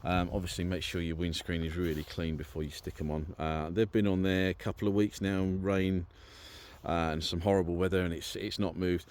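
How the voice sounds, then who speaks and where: A British man with a deep, darkish voice and little pitch movement speaks briskly as he presents an installation on his vehicle. He's casual, chatty and easygoing, talking informally to a handheld camera or phone.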